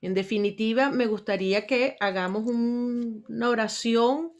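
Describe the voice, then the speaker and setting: A woman from Venezuela, hosting an online astrology panel in an earnest, casual way and often pausing to search for words. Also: fairly high pitch, steady tone, dull audio. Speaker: astrology show host.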